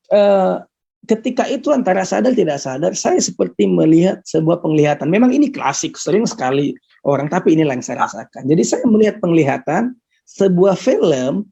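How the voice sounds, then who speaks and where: Gravelly, earnest man testifying. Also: sits high, mellow. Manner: earnest, halting, repeats and restarts words. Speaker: guest giving a testimony. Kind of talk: personal testimony, casual storytelling. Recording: muffled lo-fi recording.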